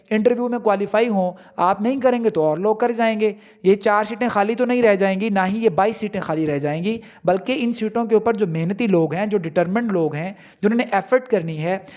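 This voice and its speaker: Brief: male coaching-channel host, high voice, earnest and pushy. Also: a little mellow. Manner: earnest, exhorting, rhetorical questions. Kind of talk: motivational talk to job seekers.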